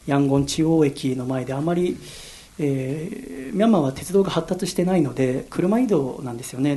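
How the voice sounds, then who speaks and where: A man's voice: fairly high pitch, warm tone. A young man from Yokohama hosting a solo radio show, telling personal stories in an earnest, reflective way. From Yokohama, Japan. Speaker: radio host.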